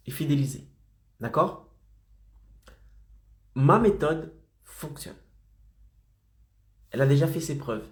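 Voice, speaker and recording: Slightly high-voiced and sounding roomy, this man runs a motivational live stream for freelancers despite a mild head cold. He keeps his audience involved with insistent, frequent "d'accord?" and "ok?" check-ins.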